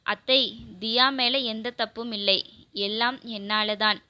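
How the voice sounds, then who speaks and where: A woman voicing a firm, protective young man who speaks with quiet insistence. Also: fairly high pitch, steady tone, takes it slowly, no room sound.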